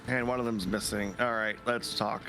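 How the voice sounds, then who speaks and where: A man's voice: on the low side, steady tone, moderate pace. A man playing a story game on a shared stream, reading dialogue aloud and chatting casually, sometimes stumbling over words.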